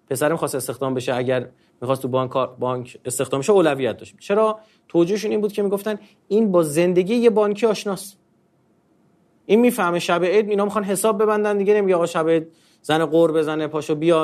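A man with a fairly high voice gives a religious talk in an easy, conversational way. He keeps the listeners engaged with rhetorical questions that he answers himself. His speech stays informal and uses polite fillers. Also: darkish tone.

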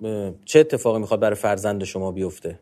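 A man gives an informal religious talk on marriage, using polite fillers and repeatedly posing rhetorical questions that he then answers himself. His voice is fairly low and dark in tone.

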